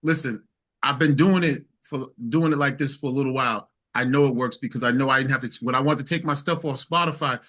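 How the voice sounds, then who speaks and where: A singer-songwriter appearing as an interview guest tells anecdotes casually and emphatically, repeating phrases and quoting past conversations. His medium-pitched voice is bright and forceful, and he talks fast.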